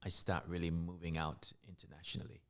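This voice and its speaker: A middle-aged man from Jamaica, a guest artist talking in a casual interview, reflective and halting, often restarting his sentences. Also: deep voice, little pitch movement, fairly bright tone.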